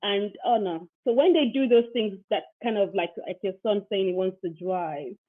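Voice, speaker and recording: Woman hosting a podcast, chatty and warm, sounds like a tinny phone line. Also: medium pitch, moderate pace. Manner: chatty, warm storytelling with laughs. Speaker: podcast host. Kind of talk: casual chat.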